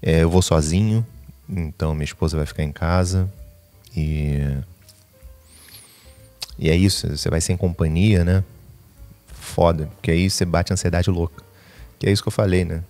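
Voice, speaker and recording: Jittery deep-voiced man, anxious ramble. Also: steady tone, moderate pace, long pauses, mellow, faint music behind. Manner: rambling, self-interrupting, swears casually. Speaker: vlogger. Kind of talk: casual confessional vlog.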